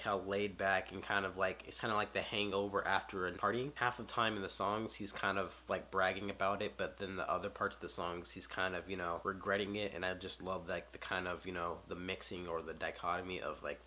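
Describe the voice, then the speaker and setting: A man's voice: deep voice, bright, forceful tone. A young man giving a casual album review, loose and rambling with lots of filler words.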